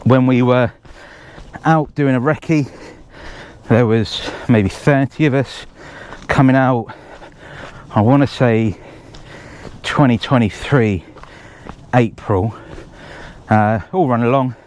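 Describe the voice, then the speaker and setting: A man's voice: mid-range voice, slow, long pauses, darkish tone, clean tone. Breathless man chatting on a trail run. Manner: chatty and rambling, jokey asides. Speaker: race organiser previewing a trail course. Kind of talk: casual running commentary. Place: outdoors on a forest trail.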